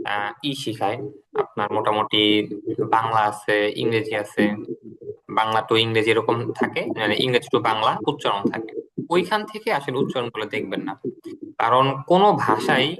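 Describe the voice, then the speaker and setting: A man's voice: mid-range voice, a bit bright, poor audio. A man teaching an online English class, explaining patiently and repeating drills for students.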